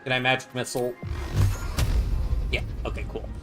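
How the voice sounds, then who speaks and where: A man's voice: mid-range voice, flat delivery, moderate pace, music in the background. Man casually talking through gameplay. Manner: chatty, thinking out loud. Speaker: gaming streamer.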